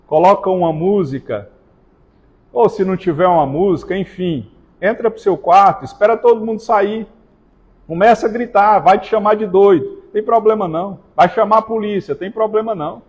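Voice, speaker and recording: A male pastor preaching to his congregation, pressing hard on key words and tossing in joking asides. His voice sits high for a man. The sound rings with the long reverb of a church hall. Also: moderate pace, a little mellow, husky, muffled recording. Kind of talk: sermon.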